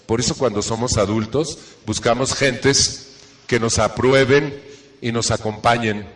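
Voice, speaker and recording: A man's voice: mid-range voice, fairly even intonation, a little slow, fairly bright tone, in a large hall. A middle-aged man, giving an earnest self-help talk to a live audience and checking in with rhetorical questions.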